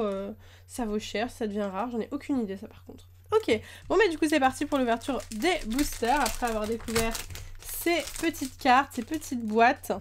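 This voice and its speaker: Chatty woman, slightly high voice. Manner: chatty, gushing over cute cards. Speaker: card-opening YouTuber. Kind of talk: casual chat while unboxing. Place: at a desk.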